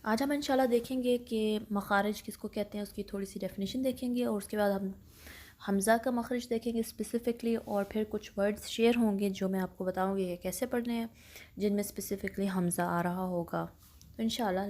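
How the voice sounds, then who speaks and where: In a mid-range, slightly mellow voice, a woman gives an online lesson on Quran pronunciation, going step by step and slipping English into her Urdu. She carefully and slowly draws out practice words and apologizes for how she reads Urdu.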